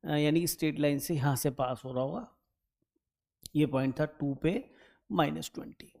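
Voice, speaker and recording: A man's voice: fairly high pitch, moderate pace, vocal fry, darkish tone. A man teaching an exam-prep maths lesson, solving a problem step by step. He thinks aloud as he calculates, hums while checking numbers, and keeps turning to his students with "right?". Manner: chatty, addresses students directly and keeps asking "right?".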